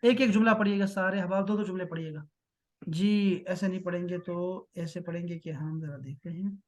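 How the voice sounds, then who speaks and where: A man teaching an Arabic reading class in Urdu, reading slowly and translating line by line, with frequent encouraging praise. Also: high voice, steady tone, a little mellow.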